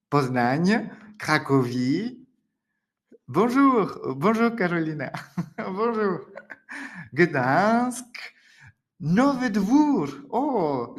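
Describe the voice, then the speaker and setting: A French man teaching a live online lesson, friendly and laughing often, with a French accent. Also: on the high side. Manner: friendly, laughs often, many "d'accord?" and "alors". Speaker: French teacher hosting a webinar.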